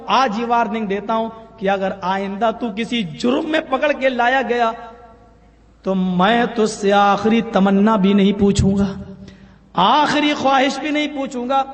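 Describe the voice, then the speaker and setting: A man preaching who voices a stern, just ruler issuing firm warnings. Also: extremely high pitch. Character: stern just caliph, older man of authority. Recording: long hall reverb.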